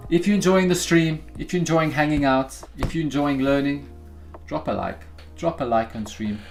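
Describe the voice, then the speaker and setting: A man's voice: fairly high pitch, moderate pace, gravelly, soft background music. Chatty man hosting a stream. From South Africa. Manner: upbeat and chatty, talks straight to viewers, calls them guys and bro. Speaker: livestream trading host. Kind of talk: casual live-stream chat.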